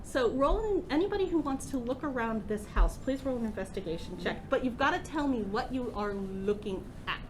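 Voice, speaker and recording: A woman game master with a lively, higher-than-average voice. She narrates casually and guides players through the scene. There is clear noise and rumble in the recording. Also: brisk, few pauses.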